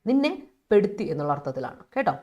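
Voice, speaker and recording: A woman with a Malayali accent teaching English vocabulary in a live online class, calling students by name and reminding them often. She talks fast, then slows right down to read out each English example. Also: medium pitch, big pitch swings, warm tone. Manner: switches fast between Malayalam and slow, deliberate English examples. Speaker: English teacher for exam aspirants.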